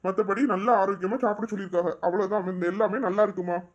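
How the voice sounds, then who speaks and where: A woman voicing an adult man in a cartoon who calmly passes on a doctor's advice. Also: mid-range voice, racing, lightly acted. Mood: reassuring. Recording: dull lo-fi audio.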